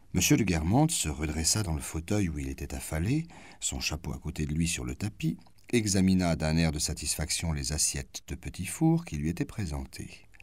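Brief: deep male audiobook narrator, expressive reading, lively pitch, dry close recording. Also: dry recording. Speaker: audiobook reader.

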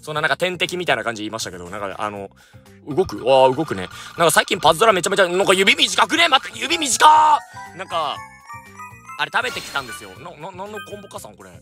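A man giving energetic, jokey let's-play commentary with loud outbursts. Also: fairly high pitch, racing, music in the background. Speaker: gaming YouTuber.

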